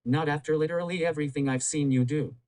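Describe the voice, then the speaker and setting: A man voicing a strict, distrustful male village bureaucrat in a comedy game skit, speaking in a clipped, deadpan way. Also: a little high, fast, natural voice, poor audio. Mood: stern. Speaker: town hall official.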